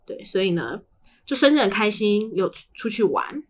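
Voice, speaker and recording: A young woman with a Taiwanese Mandarin accent co-hosts a podcast, chatting casually and telling chatty stories where she acts out the dialogue. Her voice is medium-pitched and expressive, at a normal speed.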